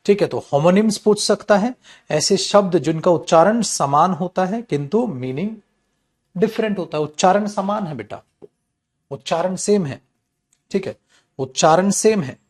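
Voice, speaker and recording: A man giving an animated classroom lecture as an English teacher, repeating his key points. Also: sits high, measured pace.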